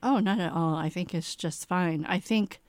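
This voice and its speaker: Smooth-voiced woman playwright, candid and wry. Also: on the low side, normal speed, a little mellow, no echo. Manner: candid, self-deprecating, laughs easily. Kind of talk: interview conversation.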